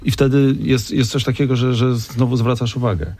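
A man, a musician, speaking earnestly in a radio conversation, pausing with fillers as he thinks. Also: medium pitch, little pitch movement, dark tone, no echo.

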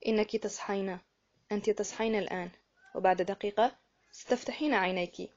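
A woman voicing a gentle male doctor in an audiobook, speaking softly and coaxingly. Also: mid-range voice, flat delivery, fast talker, dull audio, close to an everyday voice. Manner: soft, coaxing. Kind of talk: audiobook character reading.

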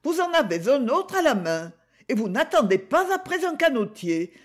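A woman reading a story aloud and voicing a fifteen-year-old girl, speaking softly and plaintively with some hesitation. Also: sits high, sing-song, normal speed, voice pushed up. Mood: resolute.

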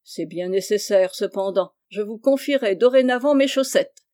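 A kindly old sailor turned doctor from a storybook, voiced by a woman reader. He talks with gentle, mock-solemn humor, teasing his niece warmly. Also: medium pitch, normal speed, lightly acted.

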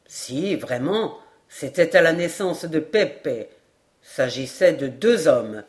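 A woman voicing a French army sergeant who speaks slowly, deliberately and firmly in an audiobook reading. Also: sits low, lively intonation, darkish tone, pitched below the performer's own voice. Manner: slow, deliberate and firm. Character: old French army sergeant, slow and certain.

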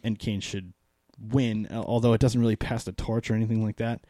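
A man's voice: lowish voice, flat delivery, brisk, warm tone, no echo. A man co-hosting a casual talk show, giving opinions in a rambling, hesitant way with many restarts and his voice getting worn. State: losing his voice. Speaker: podcast co-host. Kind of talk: casual wrestling chat.

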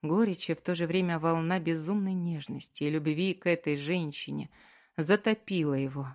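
Expressive woman narrating a dramatic audiobook. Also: deep voice, normal speed. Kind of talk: scripted narration.

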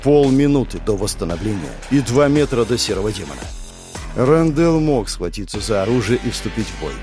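Man reading fantasy, lively expressive voice. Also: fairly low pitch, a little fast, soft background music. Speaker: audiobook narrator. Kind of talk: dramatic fantasy narration.

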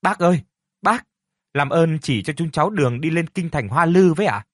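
Man doing a poor village boy, blunt, indignant, animated voice, storybook. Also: mid-range voice, brisk, slightly rough, dry recording, clean studio sound. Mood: determined. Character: defiant poor village boy, older brother.

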